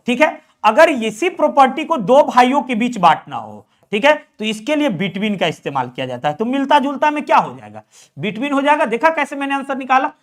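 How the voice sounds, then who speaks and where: A man's voice: very high voice, a bit bright. A young man teaching an English exam prep lesson. He keeps asking his students questions and then answering them himself.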